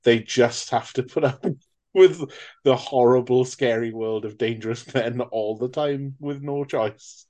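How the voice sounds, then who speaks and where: A man's voice: medium pitch, unhurried, mellow. A British man riffs through a casual podcast review of a film. He jokes, swears freely and acts out lines from the film with a laugh. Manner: jokey, swears, laughs often, acts out quotes. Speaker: podcast co-host.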